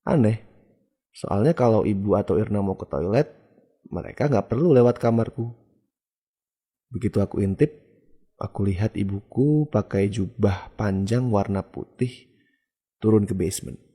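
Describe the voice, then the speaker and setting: A man's voice: lowish voice, moderate pace, long pauses, mellow, breathy edge. A man narrating a first-person horror story in a casual, conversational way.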